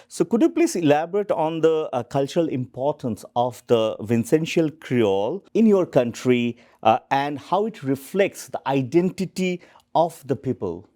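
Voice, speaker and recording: A man hosting an interview, putting prepared questions politely and with a hesitant, measured delivery. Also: on the high side, lively intonation, mellow. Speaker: interviewer, host.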